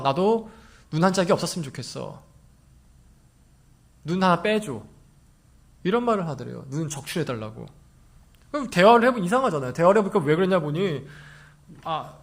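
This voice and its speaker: Lively high-voiced Korean pastor preaching. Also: male voice. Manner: lively preaching, acts out short quoted lines, rises to emphatic shouts. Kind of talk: sermon. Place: church sanctuary.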